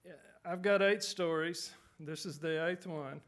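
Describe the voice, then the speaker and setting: A male author giving relaxed, self-deprecating remarks at a writers' conference, then reading his own short story aloud. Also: fairly high pitch, unhurried.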